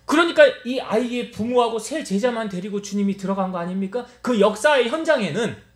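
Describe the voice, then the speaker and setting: In an echoey church hall, a male pastor with a high, animated voice preaches briskly at a Wednesday service. Standing in the sanctuary, he acts out the lines of the people in his story.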